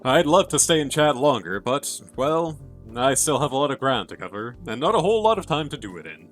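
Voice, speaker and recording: A man's voice: medium pitch, big pitch swings, brisk, fairly bright tone, soft background music. A man voicing a chatty, encouraging detective in a video game. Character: friendly detective on a train investigation.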